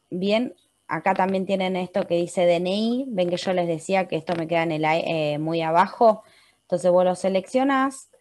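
Gravelly-voiced Argentine woman teaching software. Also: medium pitch. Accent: Argentine Spanish. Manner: patient, checks in with frequent "¿sí?". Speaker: computer class teacher. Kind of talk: step-by-step software tutorial. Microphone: computer mic in a webinar.

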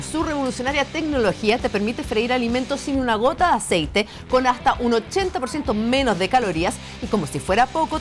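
A Chilean woman presents like an infomercial host, selling straight to the viewer. Her voice is fairly high and swings with lively intonation. She sounds polished and persuasive over a clear music bed. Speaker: TV host of a panel show, reads sponsor spots. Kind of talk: infomercial-style upbeat sales pitch.

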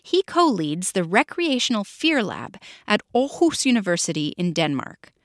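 Lively woman podcast host, dry sound. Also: medium pitch, moderate pace, no echo. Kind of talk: scripted narration.

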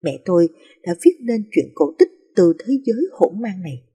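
A woman narrating emotional life stories in a soft, feeling storytelling manner. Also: lowish voice, very animated, normal speed, breathy edge.

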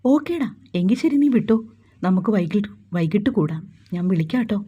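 A woman's voice: mid-range voice, expressive, fairly quick, mellow, breathy edge, lo-fi sound. A woman voicing a cheerful, teasing young man, chatting with an old friend. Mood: chatty.

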